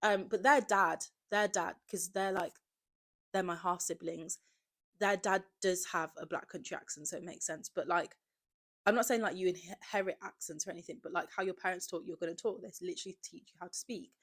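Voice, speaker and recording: A woman in her 20s from the Birmingham area of England hosts a podcast, giving a candid, casual confessional monologue packed with "like." Her voice is on the low side, a bit bright, with fairly even intonation and a slightly fast pace.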